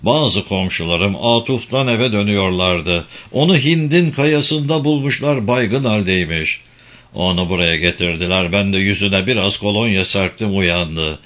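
A man voicing a calm old male hermit who speaks slowly, evenly and firmly. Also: on the low side. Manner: calm, unhurried, firm.

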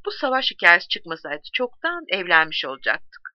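Frightened young male soldier, read by a woman, pleading, low voice, dull lo-fi sound. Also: big pitch swings, normal speed, no echo. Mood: relieved. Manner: pleading, anxious.

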